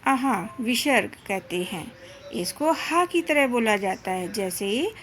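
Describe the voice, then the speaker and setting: Slow, careful woman teacher. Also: on the high side, lively intonation, a bit bright, slight background noise. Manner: slow, deliberate, drawn-out syllables with frequent pauses. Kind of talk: slow classroom lesson for children.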